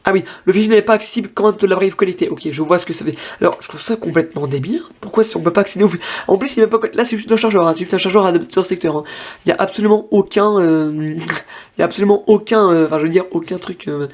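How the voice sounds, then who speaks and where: A man's voice: high-pitched, rapid-fire, a little mellow. A young man casually demoing an old tablet on camera, thinking aloud with lots of fillers and restarts. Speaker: tech vlogger. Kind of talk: casual hands-on device demo.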